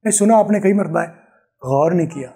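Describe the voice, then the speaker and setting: A man's voice: on the high side, brisk, vocal fry, dark tone, breathy edge. A male spoken English teacher giving an online pronunciation lesson, repeating each word several times and speaking directly and patiently to viewers. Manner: drills words by repeating them several times.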